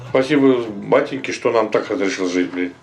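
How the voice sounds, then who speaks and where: A man's voice: fairly low pitch, normal speed, gravelly, music in the background. A man chatting casually and bluntly, with slang and swearing. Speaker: village resident being interviewed. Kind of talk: casual chat.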